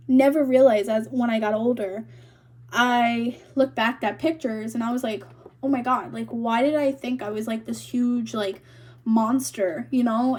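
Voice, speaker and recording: A woman's voice: on the high side, darkish tone. A young woman vlogger chatting casually to camera, rambling and filling her talk with "like", a little out of breath. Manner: rambling, full of "like" fillers.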